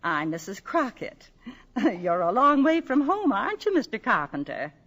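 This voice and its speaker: A woman's voice: a little high, very animated, moderate pace, a bit bright, lo-fi sound. An actress playing a fussy, talkative landlady in a 1950s radio drama, flustered and chatty.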